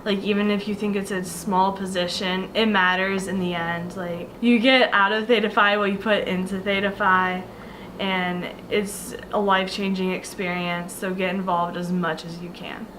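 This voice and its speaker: Reassuring young woman, fairly even pitch. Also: normal speed, background noise. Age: young adult. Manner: emphatic, reassuring, frequent "like". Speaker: sorority big sister. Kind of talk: casual heartfelt message.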